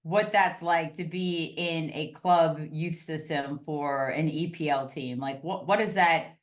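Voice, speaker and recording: A woman's voice: sits low, fairly even intonation, measured pace. An American woman hosting a casual podcast interview, upbeat and chatty, often repeating words as she thinks. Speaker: podcast host.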